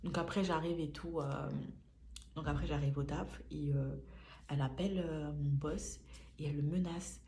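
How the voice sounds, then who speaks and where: A young woman from France with a notably low voice tells a story in loose, slangy talk. She acts out the dialogue as she goes. A faint hiss sits under her voice. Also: fairly even intonation, moderate pace, mellow. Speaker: vlogger. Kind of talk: casual storytime.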